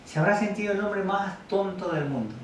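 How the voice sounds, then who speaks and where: A man's voice: high-pitched, animated, fairly quick, slight background noise. A man preaching a sermon in a church hall. He reads Bible verses aloud and keeps asking the congregation questions. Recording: very echoey room, mic at a distance.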